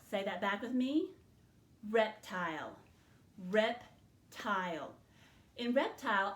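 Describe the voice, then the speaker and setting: A woman teacher leading a spelling lesson, slowly and clearly sounding out syllables and letters for her students. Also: fairly high pitch, roomy sound. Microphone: in front of a whiteboard.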